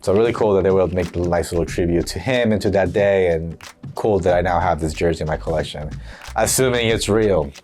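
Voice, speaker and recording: A man showing off his football jersey collection in a casual, upbeat, chatty way, his voice a bit rough from being sick. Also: fairly low pitch, a little mellow, a little hiss or hum. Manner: chatty, upbeat, filler-heavy. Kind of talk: casual show-and-tell.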